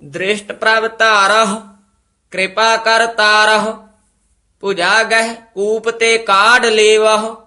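Very slow, bright, flat-toned male reciter. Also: high-pitched. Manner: very slow, measured, even reading. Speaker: student reciting. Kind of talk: scripture recitation practice.

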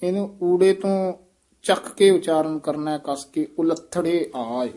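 A man coaching scripture pronunciation, patiently repeating phrases slowly so they can be copied. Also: on the high side, warm tone. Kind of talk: line-by-line recitation coaching.

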